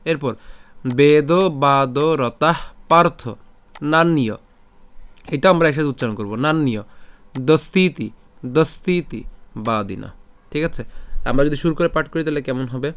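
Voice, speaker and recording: A man with a Bengali accent gives a patient recitation lesson, splitting each word into its sounds and then chanting the whole verse slowly. His voice is fairly high for a man and comes through smooth and clear. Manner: patient, breaks words into syllables, slows to chant verses. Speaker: Sanskrit pronunciation teacher. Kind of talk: online lesson with slow recitation.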